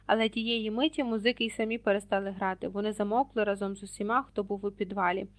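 Female audiobook narrator, expressive delivery, mid-pitched, dry close mic. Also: fast, dry recording. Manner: expressive, reads page numbers aloud. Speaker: audiobook reader. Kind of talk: scripted narration.

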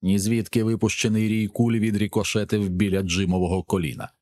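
A man narrating an action novel in a steady, measured reading. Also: lowish voice. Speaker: audiobook narrator. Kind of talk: scripted narration.

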